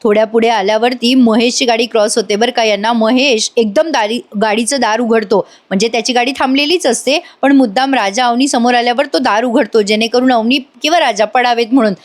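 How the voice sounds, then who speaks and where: A woman narrating a soap episode recap in a chatty, conversational voice-over, speaking straight to her viewers. Her voice sits a little high. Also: steady tone, brisk, few pauses. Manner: chatty, addresses viewers directly. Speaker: serial reviewer.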